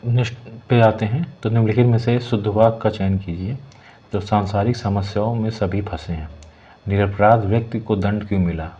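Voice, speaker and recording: A man teaching a Hindi exam lesson, working through practice questions and saying the corrected words slowly and repeatedly. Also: lowish voice, steady tone, mellow. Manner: repeats words slowly, adds "ठीक है" checks. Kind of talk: explaining exam questions, partly reading options. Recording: dull lo-fi sound with faint hiss.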